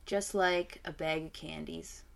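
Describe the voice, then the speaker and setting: A woman's voice: sits low, fairly even intonation, unhurried, vocal fry. A woman co-hosting a podcast in casual, sweary banter, sounding nasal and stuffed up with a cold. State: sick with a cold. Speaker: podcast co-host.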